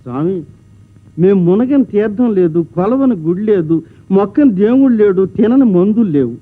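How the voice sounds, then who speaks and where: A man's voice: high-pitched, animated, moderate pace, phone-quality sound. An actor playing a weary husband pleading with a holy man, in a thin old film soundtrack. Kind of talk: 1960s film acting.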